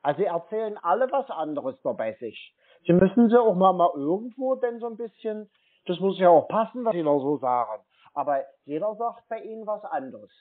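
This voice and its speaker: On a phone call, a man posing as an aggrieved customer argues in a long-winded, insistent, scolding way. His high-sitting voice is expressive and brisk, and the recording has a narrow, tinny phone sound.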